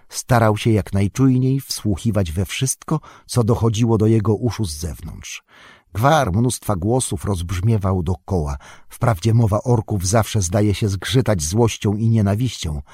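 A man reading a story aloud as an audiobook narrator, with expressive, measured storytelling. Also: on the low side, slightly rough, no echo, studio quality. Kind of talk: scripted narration.

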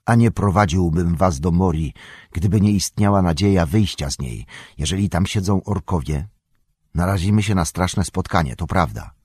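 A man voicing a grave, commanding old male wizard in an audiobook, speaking in a husky, measured, solemn way. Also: deep voice, darkish tone, no room sound, studio quality. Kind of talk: audiobook character reading.

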